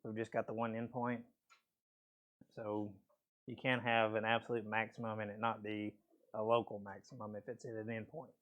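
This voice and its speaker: A man's voice: lowish voice, little pitch movement, moderate pace, narrow, tinny audio. A man teaching a math class, explaining step by step in a casual way with frequent okays, his voice a bit weak and a peppermint in his mouth. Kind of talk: classroom lecture.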